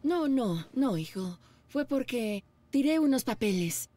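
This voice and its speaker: A woman dubbing a strict middle-aged mother who shouts and accuses her daughter. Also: high voice, lively intonation, moderate pace. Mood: covering up. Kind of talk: Spanish dub of a TV drama.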